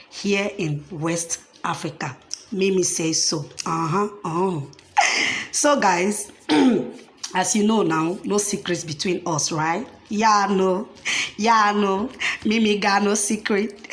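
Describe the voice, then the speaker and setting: A young woman vlogger chatting casually to her viewers, affectionate and repetitive, calling herself by her own name. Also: mid-range voice. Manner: affectionate, chatty, repeats herself, talks about herself in the third person. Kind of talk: casual talk to camera.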